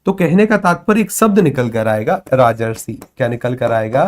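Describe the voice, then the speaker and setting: A man's voice: mid-range voice, animated, moderate pace. A man teaching a grammar lesson to camera at a board. He talks playfully and teases the viewers, and he keeps checking that they follow.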